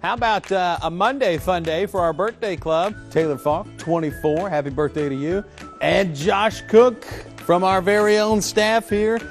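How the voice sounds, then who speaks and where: A man's voice: sits high, normal speed. A male morning show anchor in a TV studio, flustered and stumbling in a newsroom blooper. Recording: loud music bed under studio speech.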